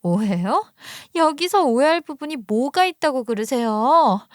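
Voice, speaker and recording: A defiant young woman lashes out at her mother, bitter and accusing, as a woman reader plays her. Her voice sits high and a little hushed. The read is dry and close, like an audio storybook. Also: expressive, unhurried, no room sound.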